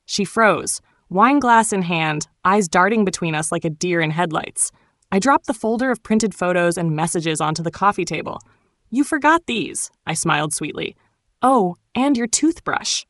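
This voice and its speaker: A woman narrating a dramatic first-person storytime tale in a cool, wry, sharp-tongued way. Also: lowish voice, moderate pace, dry recording, studio quality.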